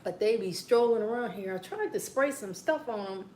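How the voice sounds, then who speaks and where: A woman's voice: mid-range voice, animated, moderate pace, a little hiss or hum, rough recording. A woman with a Southern American accent hosting a late-night mukbang livestream from home, chatting casually and rambling to her viewers as besties. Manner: rambling, talks to viewers as besties, drops into quiet asides.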